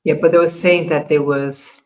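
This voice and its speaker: A woman from America hosting a casual livestream, talking haltingly with many fillers and restarts while she works her screen. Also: deep voice, steady tone, low-quality recording. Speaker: livestream host.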